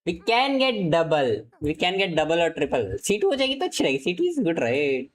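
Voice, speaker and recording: A young man from India streaming a game live, with an Indian English accent, excitable and cursing, switching between Hindi and English mid-sentence. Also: a little high, moderate pace, poor audio. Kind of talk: live gaming stream commentary.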